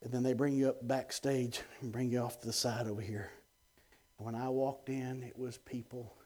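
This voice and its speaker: A middle-aged man, a guest evangelist, telling an animated testimony on a TV show, dropping to hushed tones and bursting out loud with chuckles. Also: normal speed. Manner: swings between hushed low tones and loud excited outbursts, chuckling.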